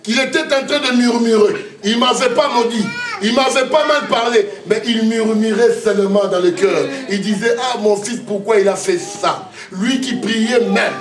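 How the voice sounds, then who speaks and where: A man's voice: high-pitched, normal speed. A man, a pastor giving an emotional testimony sermon, telling his story with many repeated phrases. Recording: echoey room, voice from far off.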